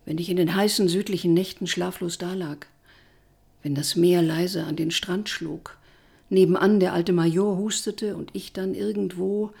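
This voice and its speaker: A woman reading a first-person short story aloud with expressive shifts in loudness. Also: lowish voice, creaky, slightly rough. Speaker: narrator.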